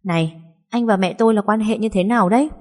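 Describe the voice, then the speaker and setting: A woman voicing a hot-tempered young woman who speaks in sharp, indignant retorts. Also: medium pitch, fast, pitched above the performer's own voice, lightly acted.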